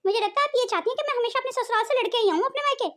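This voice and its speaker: A woman's voice: very high-pitched, racing. A woman voicing a hot-tempered married daughter in a cartoon family drama, accusing and bossy in her manner. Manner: accusing, sharp-tongued, bossy.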